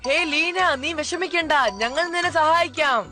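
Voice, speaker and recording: A woman's voice: sits high, moderate pace, natural voice. A woman voicing a cheeky young schoolboy in a dubbed cartoon, with cocky, teasing kid talk. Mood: boastful. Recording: cartoon dub with loud music.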